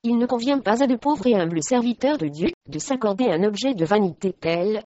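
A woman's voice: medium pitch, lively intonation, brisk, dark tone, dry recording, dull audio, lightly acted. A woman reading the part of a cold, contemptuous male priest in a storybook, sounding pious. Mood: scornful.

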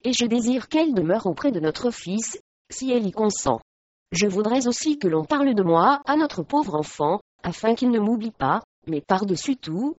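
A woman reading the part of a calm, devout young woman in a storybook, speaking gently. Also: a little high, dry recording, dull audio.

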